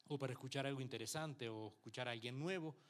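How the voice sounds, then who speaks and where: This pastor from Uruguay talks fast at a medium pitch while teaching a Bible class in church. His Uruguayan Spanish has a touch of Mexican influence, and he preaches conversationally, engaging the congregation with frequent rhetorical checks and acted-out quotes of what people say.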